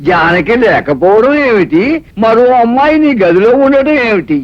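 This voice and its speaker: A sharp old grandfather. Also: high voice, very animated, moderate pace. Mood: stern questioning. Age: older. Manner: sharp, questioning. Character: stern old grandfather, probing and scolding. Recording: dull old film soundtrack with music.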